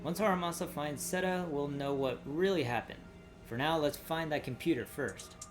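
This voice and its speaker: A man's voice: a little high, normal speed, over music. A man doing casual video game commentary, talking through his plans and reading on-screen dialogue aloud.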